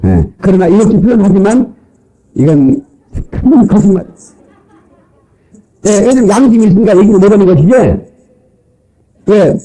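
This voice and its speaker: High, lively-voiced joking male pastor. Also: normal speed, long pauses, rough recording. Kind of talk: sermon. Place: church.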